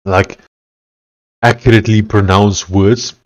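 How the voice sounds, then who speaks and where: Male livestreamer, broad Afrikaans South African accent, lowish pitch, stuffed-nose tone, very unhurried casual delivery. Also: steady tone. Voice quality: nasally blocked, mouth-breathing. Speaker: livestreamer coding while building in public.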